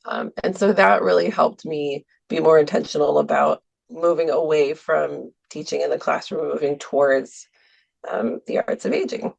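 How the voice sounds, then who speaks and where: A woman's voice: low voice, steady tone, moderate pace, vocal fry, highs cut off. A woman guest on a podcast, talking casually about teaching art, hesitating with many ums and small laughs. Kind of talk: casual interview talk. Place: Milwaukee, US.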